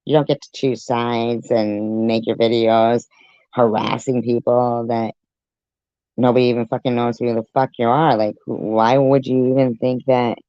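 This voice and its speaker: A commentator with a deep pitch-shifted voice, reacting to a clip with blunt, profane sarcasm. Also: little pitch movement, moderate pace, warm tone, clear, resonant tone, no echo, highs cut off. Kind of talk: ranting commentary.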